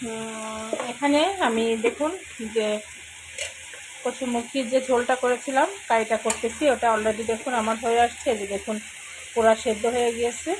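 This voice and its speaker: Hoarse woman narrating home cooking. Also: a little high. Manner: talks viewers through each step, mixing in English words. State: hoarse, throat trouble. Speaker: cooking channel host. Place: home kitchen. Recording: sizzling pan noise behind.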